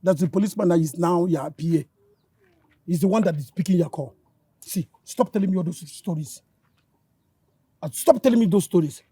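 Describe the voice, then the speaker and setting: A man's voice: high-pitched, a little fast, pauses often, mellow, slightly rough, dry recording. An actor playing a married man with a Nigerian accent who stammers as he accuses a young woman of taking his money. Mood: accusing.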